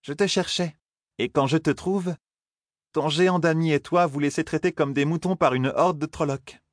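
A man's voice: fairly high pitch, normal speed, no room sound, studio quality, voice pushed up, close to an everyday voice. A man voicing a cold, serene young noblewoman who lectures her companion, with his voice raised well above his own. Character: cool, haughty young noblewoman.

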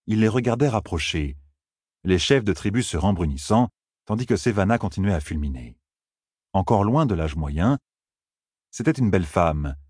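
A man narrating an audiobook in a steady, even reading manner. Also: deep voice, slightly rough, no echo, studio quality.

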